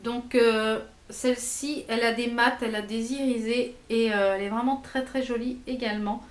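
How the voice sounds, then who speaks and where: Beauty vlogger lady, bit high voice, lots of ums and restarts, echoey room. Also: steady tone, normal speed. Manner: hesitant, many fillers and repeats; chatty, enthusiastic about products. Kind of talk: casual makeup haul review.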